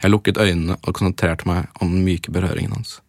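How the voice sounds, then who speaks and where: A man's voice: low-pitched, steady tone, gravelly, no room sound, studio quality. A man on a podcast who reads fan fiction aloud in first person and breaks off now and then for jokey comments. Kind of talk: casual chat with dramatic read-aloud.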